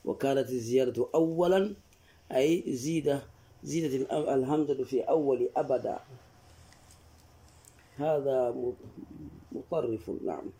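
A man teaching classical rhetoric in a traditional lesson, speaking slowly and repeating key words. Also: mid-range voice, mellow. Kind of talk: traditional text lesson, explaining line by line.

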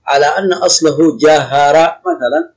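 A sheikh explaining grammar in a lesson, slow and deliberate, repeating each term. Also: male voice, fairly high pitch, husky, low-quality recording.

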